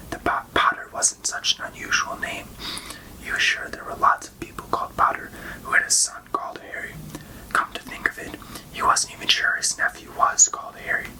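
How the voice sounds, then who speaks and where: Casting: reader for whispered role-play, fully unvoiced library whisper, hushed and unhurried storybook narration. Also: poor audio.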